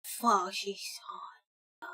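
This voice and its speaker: A woman streamer giving casual let's-play commentary, excitable and chatty, with frequent swearing. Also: medium pitch, very slow, breathy edge.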